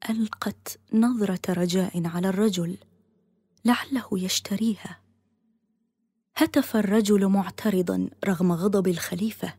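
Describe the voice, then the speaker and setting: A woman narrating a dramatic story in a soft, half-whispered delivery. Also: medium pitch, husky, no room sound, clean studio sound.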